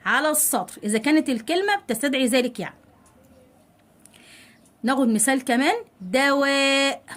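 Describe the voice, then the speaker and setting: Egyptian woman teaching kids, higher voice. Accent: Egyptian Arabic. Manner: asks questions and answers them herself, stretches example words slowly; coaxing, addresses kids directly. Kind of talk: children's spelling lesson.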